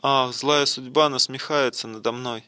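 A man's voice: mid-range voice, fairly even intonation, normal speed, bright, forceful tone, clean tone, no room sound, close to an everyday voice. A man voicing a tender young heroine in a devotional play, speaking fervently and emotionally.

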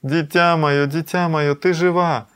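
A man's voice: a little high, steady tone, a little slow, fairly bright tone, clear, resonant tone, pitched above the performer's own voice. A man voicing an overjoyed mother queen.

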